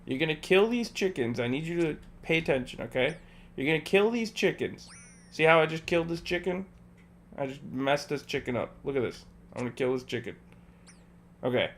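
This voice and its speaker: A man with a slightly high, expressive, fairly bright voice speaks briskly over a bit of background noise. In a relaxed stream, he walks a buddy through the game in steps, repeating himself patiently and joking and laughing between instructions.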